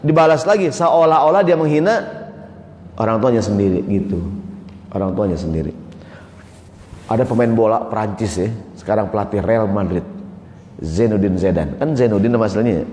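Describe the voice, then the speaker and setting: Lively male preacher in an echoey hall. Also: lowish voice, moderate pace, long pauses, slight background noise. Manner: lively, asks the audience questions, jokes. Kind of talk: mosque sermon. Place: large mosque hall.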